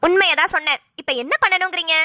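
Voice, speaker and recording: Woman doing a high, sharp-tongued mother. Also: steady tone, fast, no echo, studio quality, exaggerated voice. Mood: sarcastic. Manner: sarcastic, teasing. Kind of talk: Tamil cartoon voice acting.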